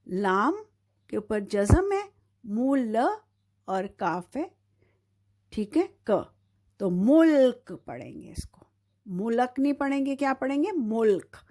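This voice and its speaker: Patient teacher lady, slow careful phonics lesson for kids, bit high voice, keeps checking you got it. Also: a little mellow. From Pakistan. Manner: slow, patient, drawn-out syllables with repeated checks of "theek hai". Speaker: Urdu teacher.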